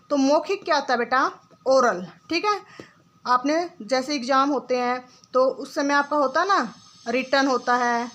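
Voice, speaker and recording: A woman's voice: high-pitched, a bit bright, rough recording. A woman teaching young children in a lesson, asking questions and answering them herself in her words. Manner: asks questions then answers them herself, says "ठीक है" and "बेटा" often.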